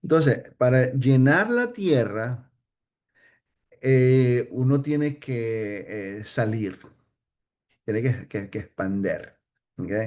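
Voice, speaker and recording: A man teaching an informal Bible study, hesitant, with many fillers and restarts, often checking in with "ok?". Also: medium pitch.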